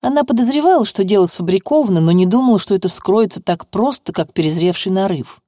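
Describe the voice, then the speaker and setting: A woman narrating an audiobook in a measured, expressive reading. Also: mid-range voice, no room sound, studio quality.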